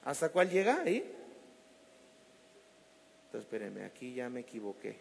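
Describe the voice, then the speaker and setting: Animated preacher in a reverberant hall. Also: male voice, mid-range voice, normal speed, creaky, slight background noise. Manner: animated storytelling, acting out quoted voices. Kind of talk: sermon. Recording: long reverb of a church hall.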